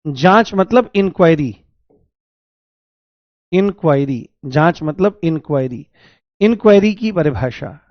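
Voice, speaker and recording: A man's voice: on the high side, lively intonation, slow, pauses often, no echo, muffled recording. A man giving an exam coaching lecture on law, repeating key terms over and over and joking with his students. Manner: repetitive, drills terms, jokes with students. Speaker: law teacher.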